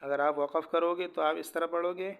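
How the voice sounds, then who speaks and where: Male recitation tutor, smooth clear voice, fairly high and even in pitch, quick explanations broken by slow chanting. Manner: rapid explanations alternating with slow, drawn-out recitation. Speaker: Quran teacher. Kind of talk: tajweed lesson, spelling out letters.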